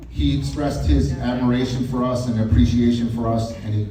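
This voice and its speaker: A man's voice: medium pitch, steady tone, moderate pace, crowd noise. An older man giving a father of the bride speech in a folksy, wry and sentimental way. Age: 50s or older. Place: large echoing event room at a wedding reception. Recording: echoey, noisy room, distant mic.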